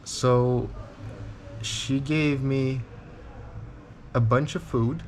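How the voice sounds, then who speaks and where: A young man in his twenties talks to camera in a casual travel vlog, his voice sitting at an ordinary middle pitch. He rambles candidly and speaks his mind bluntly. A faint ambient hiss runs underneath. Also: fairly even intonation, drawn-out words, darkish tone. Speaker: touring cyclist vlogger.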